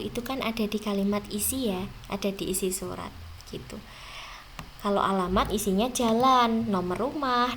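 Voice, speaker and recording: A medium-pitched female voice, carrying a slight hiss or hum, belongs to a young teacher running an exam review. She addresses the class head-on and lingers slowly over each stressed word.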